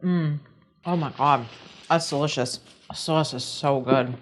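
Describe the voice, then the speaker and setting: A woman's voice: deep voice, unhurried. A woman, tasting food in a home kitchen with a playful, teasing manner. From Long Island, New York.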